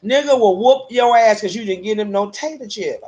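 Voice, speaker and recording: A woman's voice: mid-range voice, moderate pace. A woman casually telling a personal story, profane and laughing often between lines. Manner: animated, with vernacular grammar.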